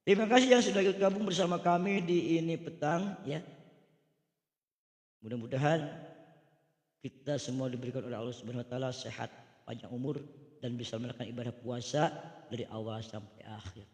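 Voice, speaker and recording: A hoarse man, giving emphatic religious advice and often tagging his sentences with "ya.". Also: medium pitch, a little fast, long pauses, darkish tone. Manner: emphatic, with frequent "ya" tags. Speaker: preacher. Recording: long echoing reverb.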